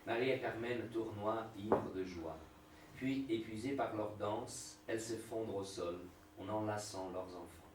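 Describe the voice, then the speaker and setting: A man's voice: lowish voice, unhurried. A man narrating the stage directions of a play as scripted reading. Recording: echoey room, distant mic, faint noise.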